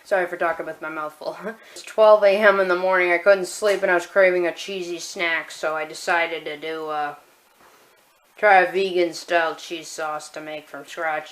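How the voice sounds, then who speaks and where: A woman's voice: fairly low pitch, steady tone, moderate pace, poor audio. A woman casually demonstrating a homemade recipe in her kitchen, talking in a chatty, rambling way with restarts. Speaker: home cook vlogger. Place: home kitchen.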